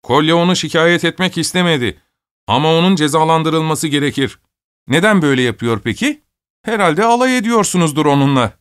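Man doing shrill taunting schoolboys. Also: expressive, fairly quick, clean tone, no room sound, studio quality. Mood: jeering, shouting. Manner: shouting, taunting. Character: excited jeering schoolboys around eleven.

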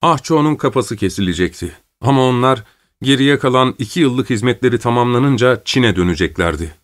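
A man's voice: medium pitch, animated, fairly quick. Man reading an audiobook aloud. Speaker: narrator.

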